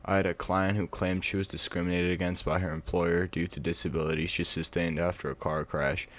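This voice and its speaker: A man's voice: sits low, flat delivery, brisk. A man reading stories aloud for his vlog in a casual, offhand way, with mumbled asides. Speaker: Reddit reading vlogger.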